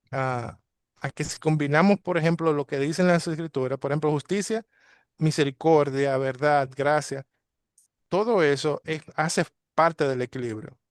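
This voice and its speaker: A man's voice: on the high side, smooth, no room sound, studio quality. A man teaching a daily Torah study, talking with many fillers and restarts. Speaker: congregation teacher.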